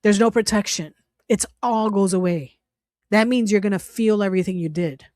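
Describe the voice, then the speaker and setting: A woman's voice: mid-range voice, moderate pace, a little mellow, no echo, clean studio sound. A woman hosting a casual commentary vlog, talking in a profane, incredulous way, laughing often and rambling with many restarts. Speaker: channel host.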